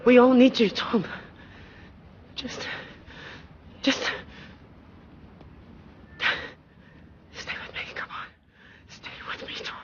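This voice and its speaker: A woman's voice: mid-range voice, moderate pace, dull audio, a little hiss or hum, close to an everyday voice. An actress playing an anxious, commanding woman in an emergency in a TV drama, speaking with urgency. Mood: desperate pleading. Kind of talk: naturalistic TV drama acting.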